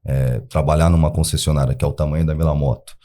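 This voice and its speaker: A man in his twenties, a podcast guest, telling family stories in a relaxed conversational way. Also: very deep voice, quick pace, soft background music. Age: 20s.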